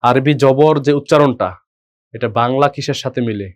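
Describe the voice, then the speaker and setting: A man teaching an online Quran reading class, slowly drilling Arabic letter sounds and asking the students questions. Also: mid-range voice. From Bangladesh.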